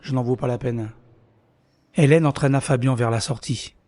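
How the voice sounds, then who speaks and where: A man's voice: medium pitch, fairly even intonation, moderate pace, dry recording, close to an everyday voice. A man narrating his own story in the first person in an audio drama, bitter and introspective. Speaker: narrator and lead character. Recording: soft music underneath.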